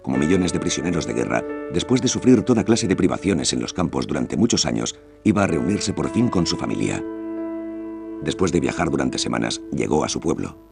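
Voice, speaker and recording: A man's voice: extremely low pitch, big pitch swings, a little fast, creaky, music in the background. A man reading scripted documentary narration.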